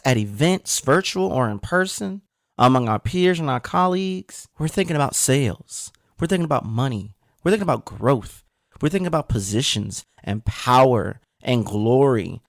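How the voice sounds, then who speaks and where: A man hosting a podcast, giving an energetic, emphatic motivational monologue straight to the listener. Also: fairly high pitch, creaky, no room sound, clean studio sound. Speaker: podcast host.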